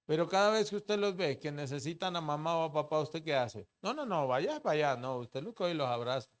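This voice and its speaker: Pastor guy preaching, kinda high voice, asks the crowd stuff, goes loud then quiet. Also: brisk, clean tone. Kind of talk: sermon. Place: church.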